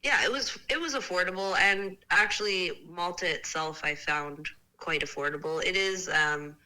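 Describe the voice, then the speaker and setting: A woman's voice: on the low side, moderate pace, pushed and bright, rough recording. A woman calling in over a speakerphone, chatting casually and easily, trailing off with fillers. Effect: heard over a speakerphone call. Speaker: phone-in caller. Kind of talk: casual chat.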